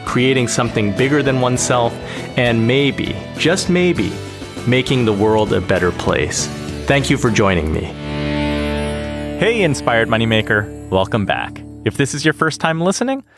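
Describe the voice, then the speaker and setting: A man's voice: mid-range voice, sing-song, normal speed, music in the background. Upbeat male podcast host. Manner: upbeat, announcer-like delivery. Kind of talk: scripted intro, then interview. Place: outdoors in a park.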